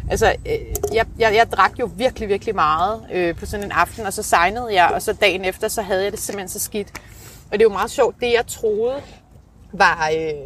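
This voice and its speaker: A woman with a slightly husky voice, telling a candid personal story in an interview in a hesitant, searching way with casual swearing. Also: mid-range voice, slight background noise. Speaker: interview guest telling of own alcoholism.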